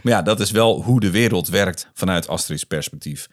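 A man's voice: low-pitched, normal speed. A man co-hosting a podcast, narrating an improvised story and slipping into a character's inner thoughts. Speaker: podcast co-host.

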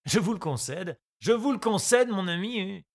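A woman voicing a loud bawdy bearded sculptor. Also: mid-range voice, expressive, moderate pace. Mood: indignant. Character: boisterous crude bearded male sculptor. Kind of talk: audiobook character reading.

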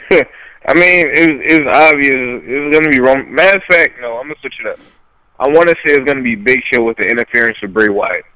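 A man's voice: mid-range voice, fast talker, no room sound, poor audio. Rambling male co-host, dry sound. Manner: rambling, thinks out loud. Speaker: podcast co-host. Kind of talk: casual chat.

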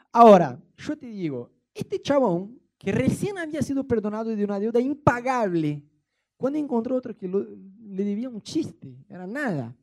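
A man's voice: high-pitched, mellow. A man with an Argentine accent preaching a sermon in a playful, colloquial way, mixing jokes into his teaching. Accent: Argentine Spanish.

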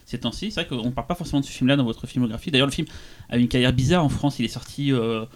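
Fast-talking male interviewer, casual. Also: mid-range voice. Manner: fast, hesitant, many fillers.

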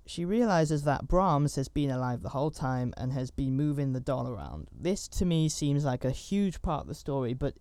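A man's voice: medium pitch, big pitch swings, normal speed, hardly any pauses, darkish tone, no room sound. A man giving a casual, rambling recap of a horror movie, with chatty asides and fillers. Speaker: film reviewer.

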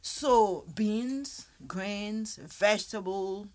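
A Haitian woman who owns a restaurant chats casually as a guest in an interview, speaking very slowly at a medium pitch. She often repeats her words and tells little stories.

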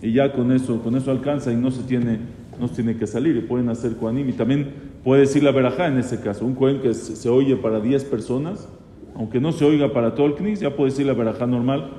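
A rabbi with a very dark, mellow voice teaches a class on religious law, quizzing his students and repeating key phrases. He is recorded in a roomy hall with a long echo and faint background noise. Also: medium pitch, brisk. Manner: questions the class, repeats key phrases, mixes in Hebrew terms. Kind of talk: Torah law lesson to students.

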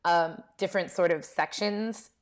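A woman's voice: on the low side, unhurried. A woman researcher being interviewed, explaining her field informally in a conversational, checking way. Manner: informal, frequent "like" and checking "right?". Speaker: academic researcher, interview guest. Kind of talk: casual academic discussion.

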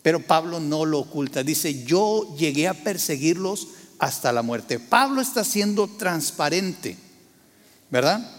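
A man's voice: sits high, a bit bright, long reverb tail. A man preaching a sermon, asking the congregation questions and acting out quotes. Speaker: pastor.

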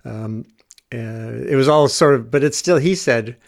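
A man explaining things casually as a journalist in a podcast discussion, halting and digressive, often rephrasing as he goes. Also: medium pitch, creaky.

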